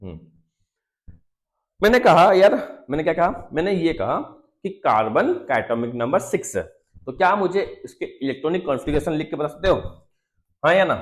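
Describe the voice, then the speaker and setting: A man teaching a fast revision lesson, constantly quizzing his students and calling them "beta" and "yaar". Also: a little high, very animated.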